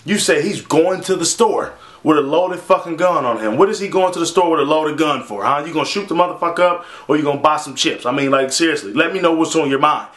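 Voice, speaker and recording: A man's voice: on the high side, fast, fairly bright tone, echoey room. A man giving a blunt, profane, sarcastic video rant about a news story. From Minnesota. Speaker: vlogger. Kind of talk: casual ranting commentary.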